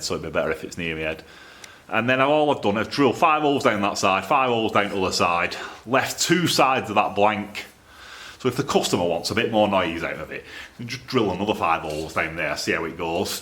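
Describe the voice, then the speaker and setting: Deep-voiced with a fairly bright tone, a Northern English exhaust fabricator who also presents videos talks casually to camera. He wanders from thought to thought in his small, cluttered workshop, where the audio has a roomy echo.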